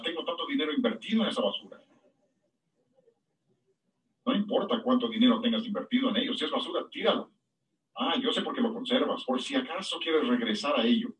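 A man preaching a sermon, with sudden high-pitched emphasis on key words. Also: distant mic, low-quality recording. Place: church.

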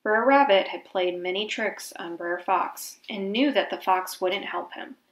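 A woman storyteller clearly reading a scripted trickster tale for children. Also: medium pitch, measured pace. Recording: slightly echoey room.

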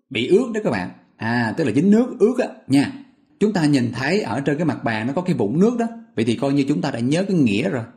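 A man's voice: medium pitch, darkish tone. A man teaching vocabulary, patiently explaining memory tricks step by step and quizzing his listeners. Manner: patient, repetitive, asks listeners questions.

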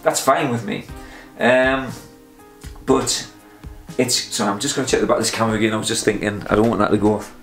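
A man's voice: fairly low pitch, steady tone, fairly quick. A man talks straight to his camera in a loose, meandering way, stopping and restarting his thoughts as he goes. The sound is roomy and echoey, and faint guitar music plays underneath. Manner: chatty, meandering, self-interrupting with fillers. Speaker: vlogger. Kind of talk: casual rambling talk to camera.

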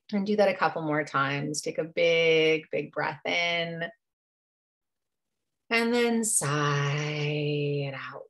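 A woman leads a yoga nidra guided meditation in a low voice, soothing and unhurried, letting long pauses fall between her phrases.

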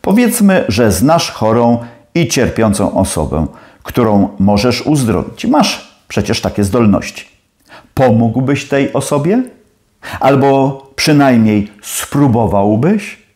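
A man's voice: medium pitch, big pitch swings, slow, a little mellow. A man playing a stern older professor who presses his questions in a challenging, probing way.

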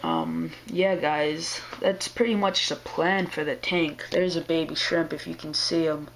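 A man with a sore, strained voice talks slowly to his viewers in a casual home video. His delivery is relaxed and rambling, full of slang and fillers, and sounds as if it comes through a camera's own mic. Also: a little high, vocal fry, slight background noise. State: sick, with a strained throat. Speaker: aquarium hobbyist vlogger.

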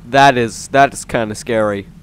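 A man hosting a gaming channel, giving jokey, excitable let's play commentary and talking to himself. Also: medium pitch, moderate pace, smooth.

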